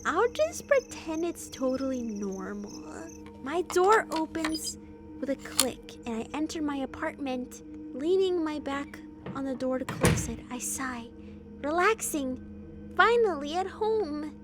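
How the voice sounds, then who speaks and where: A woman's voice: high voice, expressive, measured pace, loud music behind the voice. A young woman streamer reading a story game aloud, playful and laughing between lines.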